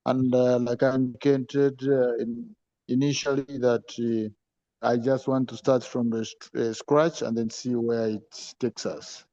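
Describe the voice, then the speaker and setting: A man introduces himself in an online class, speaking formally and measuredly, with many pauses filled by uh. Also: mid-range voice, little pitch movement, warm tone, no echo. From Zambia. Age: 50s. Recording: muffled, dull call audio.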